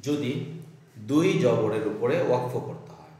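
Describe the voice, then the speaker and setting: A man teaching the rules for pausing in Quran recitation, patiently repeating each rule, asking and answering his own questions, and chanting the examples slowly. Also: mid-range voice, dark tone. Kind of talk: step-by-step lesson with slow chanted examples. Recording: very echoey room.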